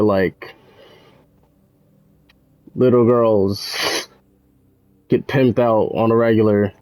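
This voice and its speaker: A man's voice: lowish voice, a little mellow, no room sound. A man giving casual, rambling commentary while gaming, sardonic and full of swearing. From United States. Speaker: gaming channel host.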